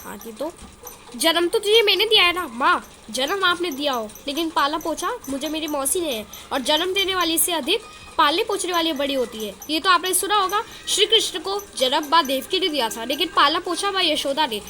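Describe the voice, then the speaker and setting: A woman's voice: very high-pitched, animated, fairly quick, sharp tone, a little hiss or hum, pitched above the performer's own voice, exaggerated voice. A woman voicing an earnest young boy who adores his aunt. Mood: arguing.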